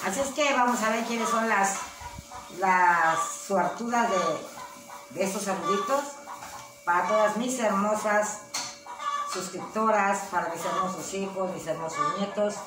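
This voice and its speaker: A woman's voice: mid-range voice, measured pace. An older Mexican woman, a grandmother, chatting in a rambling, affectionate way on her home vlog. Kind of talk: casual home vlog chat. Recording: echoey, distant mic, clear background noise.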